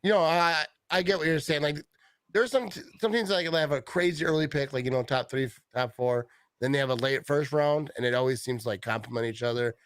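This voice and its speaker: Easygoing halting male host. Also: a little high, a bit bright, dry recording. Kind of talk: casual live-stream chat.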